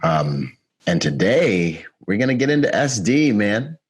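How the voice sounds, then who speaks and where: A man's voice: fairly low pitch, very animated, a little slow, husky. A man hosting a podcast interview, casual and laid-back, often tossing in "man". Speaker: podcast host.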